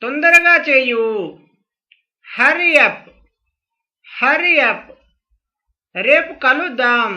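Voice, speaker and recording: A woman's voice: high voice, very slow, long pauses, pushed and bright. A woman acting as a language teacher, reading short phrase drills and carefully saying each English phrase twice. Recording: dull lo-fi recording.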